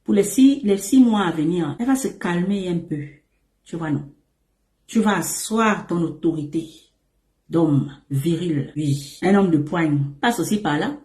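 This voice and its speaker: A woman's voice: fairly low pitch, measured pace. A woman relationship coach giving casual advice to men, emphatic and repetitive, often calling the listener her emperor, with playful asides. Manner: animated and playful, with asides and laughs. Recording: echoey room.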